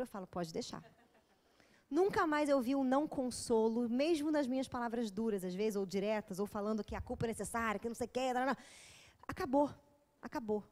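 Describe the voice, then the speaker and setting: Woman, Brazilian accent, lecturer, animated storytelling, high voice, rapid delivery. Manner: animated, acting out dialogue, frank. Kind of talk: lecture with lively anecdotes.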